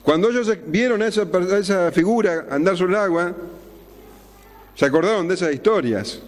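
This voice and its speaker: A man preaching an expository sermon, slowing down and dropping low on key words for drama. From Argentina. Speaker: pastor. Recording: long hall reverb.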